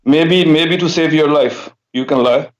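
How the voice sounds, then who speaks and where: A man's voice: a little high, a little slow. A man from Switzerland, calling in to a debate show, who speaks hesitantly with many fillers and repeats. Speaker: caller. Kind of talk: phone-in debate.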